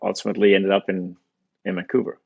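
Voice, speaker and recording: A middle-aged man from Denmark, a native Danish speaker, talking in a relaxed, thoughtful way as a guest in an interview. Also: deep voice, quick pace, creaky, husky, lo-fi sound. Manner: relaxed, thoughtful, frequent fillers. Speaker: guest, company founder. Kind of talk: casual interview conversation.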